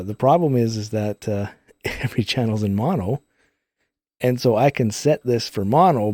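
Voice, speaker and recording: A man's voice: fairly low pitch, warm tone, no echo, studio quality. Man with a heavily compressed voice. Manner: chatty, rambling explanations with filler words. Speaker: game streamer. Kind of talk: casual live gameplay commentary. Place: recording studio. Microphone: two studio microphones.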